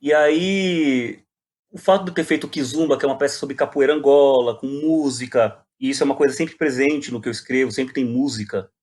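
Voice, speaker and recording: With a brisk, slightly mellow, medium-pitched voice, the Brazilian interview guest, a poet and playwright, muses casually. He tends to repeat words while finding his phrasing.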